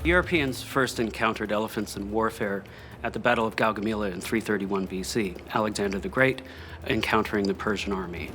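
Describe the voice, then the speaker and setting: A man's voice: lowish voice, brisk, over music. A middle-aged man explaining as an expert in a documentary interview, recorded indoors. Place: indoors in a book-lined room.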